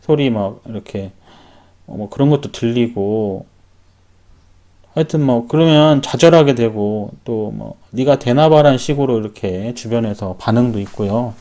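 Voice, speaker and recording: A man's voice: medium pitch, normal speed, mellow. A man who works as a welder tells his own story in a rambling, casual way and often corrects himself mid-sentence. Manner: rambling, frequent self-corrections. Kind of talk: personal storytelling.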